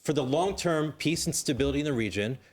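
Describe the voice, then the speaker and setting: A man, a panel guest, arguing forcefully and insistently. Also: a little high, animated, fast. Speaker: panel guest, co-founder of an initiative. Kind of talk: panel discussion.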